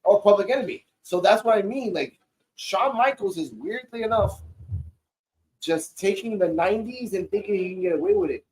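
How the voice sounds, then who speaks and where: A man's voice: high-pitched, normal speed, a little mellow, slight background noise, rough recording. A man in his forties casually recapping a wrestling show, loose and profane, rambling through the matches. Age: 40s. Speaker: podcast co-host. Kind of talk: casual wrestling review chat.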